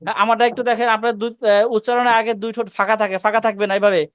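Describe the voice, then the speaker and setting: High-voiced, brisk male Quran teacher. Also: level tone, a bit bright, smooth. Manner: coaching and correcting, repeating short commands. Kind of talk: online class instruction. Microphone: video call.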